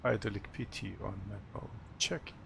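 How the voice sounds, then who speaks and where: A man who is a non-native English speaker, working as an airline captain, talking through cockpit procedures and announcements in short, halting, procedural phrases. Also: lowish voice, fairly even intonation, vocal fry, fairly bright tone, slight background noise. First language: not English. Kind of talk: cockpit procedure narration, checklist callouts and announcements.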